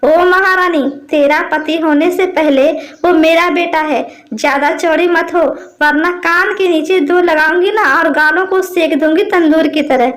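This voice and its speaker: A woman voicing a sharp-tongued, scolding mother-in-law in a storybook tale, full of taunts and name-calling. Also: very high-pitched, steady tone, measured pace, few pauses. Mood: angry.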